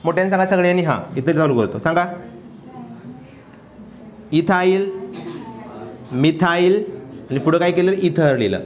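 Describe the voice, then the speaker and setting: Lively intonation marks this slightly high male voice in a chemistry classroom. The teacher constantly throws rapid questions at his students and presses them to respond out loud.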